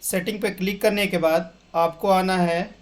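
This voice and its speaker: A man's voice: high voice, fairly even intonation, normal speed. A young man hosting a casual step-by-step tech tutorial, walking viewers through settings and dropping English terms into his explanations. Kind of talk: casual screen-share tutorial.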